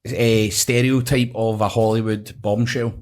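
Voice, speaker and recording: A man's voice: lowish voice, level tone, measured pace, a little mellow. A man with a Glasgow street accent talking casually as a podcast co-host. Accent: Scottish, Glasgow. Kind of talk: casual chat.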